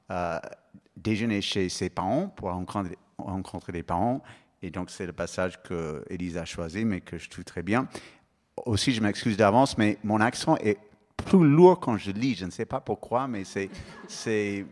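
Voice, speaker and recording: A man with a foreign accent introducing and reading from his own novel, hesitant and correcting himself. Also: lowish voice. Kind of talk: public reading with spoken intro. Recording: reverberant hall.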